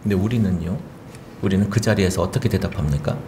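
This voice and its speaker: A male pastor giving an animated sermon, often acting out the lines of the people he talks about. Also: low voice, fast, slight background noise. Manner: animated preaching, acting out quoted speech.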